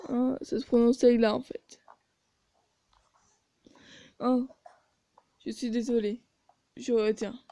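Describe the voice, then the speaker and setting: A woman reads a story game aloud, stopping now and then for sarcastic asides. Her voice is slightly high and mellow, and she speaks at a slow, easy pace. The recording is dry and close. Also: flat delivery, no room sound. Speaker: video game player. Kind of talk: reading a story game aloud with side comments.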